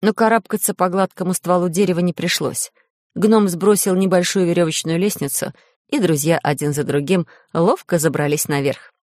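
A woman's voice: on the low side, normal speed, dry recording, clean studio sound. Woman reading a children's story. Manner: lively, expressive storytelling. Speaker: narrator. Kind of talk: children's audiobook narration.

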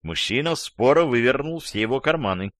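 A man narrating a story as an audiobook, in a measured, wry manner. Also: mid-range voice, expressive, no room sound, clean studio sound.

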